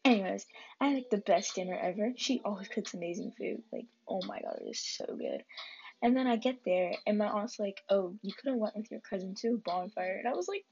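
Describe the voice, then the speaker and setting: A woman's voice: mid-range voice, brisk, dark tone, slightly rough, highs cut off. A teenage girl casually recapping her weekend in a rambling vlog, full of likes and ums. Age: teens. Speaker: student vlogger.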